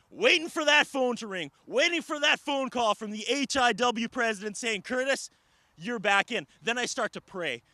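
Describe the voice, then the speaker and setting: A man's voice: sits high, bright, forceful tone, no echo. A man delivering a wrestling promo, emphatic and indignant, punching out rhetorical questions.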